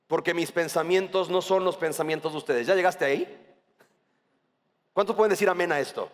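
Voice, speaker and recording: Brief: Mexican male pastor, emphatic colloquial sermon, high voice, echoing church hall. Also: fairly quick. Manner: passionate, emphatic, colloquial preaching.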